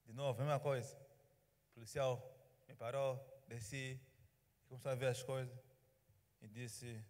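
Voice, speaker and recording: During a sermon, the male pastor tells a story with animated flair, acting out each line of dialogue. He speaks at medium pitch and normal speed. The recording carries the reverberation of the church hall.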